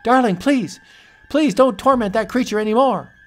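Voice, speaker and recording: A man's voice: very high voice, moderate pace, slight background noise, voice pushed up. A man voicing a frightened young woman who pleads anxiously with her sweetheart. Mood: pleading.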